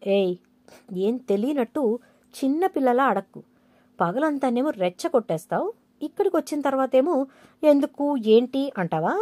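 A woman's voice: sits high, animated, moderate pace, pauses often, dark tone, dry recording, voice pushed up. A woman voicing a playful, romantic young husband who coaxes and teases his wife. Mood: teasing, romantic. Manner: playful, coaxing.

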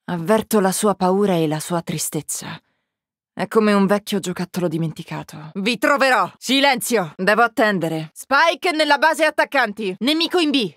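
A woman's voice: medium pitch, a bit bright, no echo, natural voice. An actress voicing a menacing young woman agent in a video game, with cold, taunting, clipped callouts, recorded dry on a close studio mic. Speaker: voice actress dubbing a game character. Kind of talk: game voice lines.

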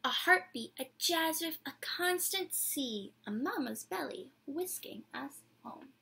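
In a small decorated room indoors, a woman in her twenties reads a picture book aloud to children with expressive, theatrical flair. Her high voice moves at a measured pace with vocal fry as she draws out words and asks her young listeners questions.

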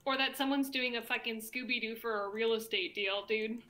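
A woman's voice: fairly high pitch, fairly even intonation, normal speed, fairly bright tone, poor audio. A woman co-hosting a game stream with laid-back, slangy banter, reading out chat comments.

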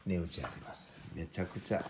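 A man who runs a piano shop, showing off a piano late at night and talking in a deliberately quiet, half-whispered way. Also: low voice, roomy sound, a little hiss or hum. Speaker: piano shop owner presenting a piano. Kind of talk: hushed late-night product demo. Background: soft piano playing.

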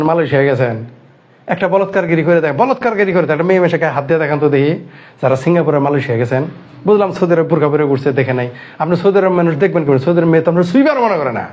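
A man's voice: a little high, a little mellow, lo-fi sound. A man from Bangladesh giving a heated commentary monologue, indignant, firing rhetorical questions and repeating phrases. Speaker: online commentator.

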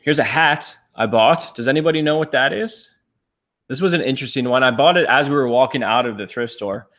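Captured by a fixed camera across the room, a man in his thirties co-hosts a casual reseller stream from his couch, cheerfully displaying items. His pitch is medium, his tone fairly bright, and his pace fairly quick.

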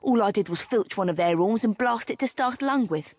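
A woman's voice: medium pitch, lively intonation, brisk, a little mellow, no echo, close to an everyday voice. A woman voicing a defiant, sarcastic young pirate tied up as punishment in a video game.

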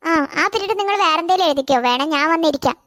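A performer voicing a kind female schoolteacher in a cartoon, gently instructing her pupils. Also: extremely high pitch, quick pace, no room sound, clean studio sound. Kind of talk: cartoon voice acting.

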